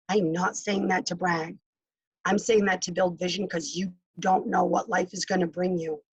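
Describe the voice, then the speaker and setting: A woman's voice: fairly low pitch, breathy edge, dry recording, rough recording. A middle-aged woman giving an emphatic motivational talk over a video call, repeating her key phrases. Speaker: guest speaker.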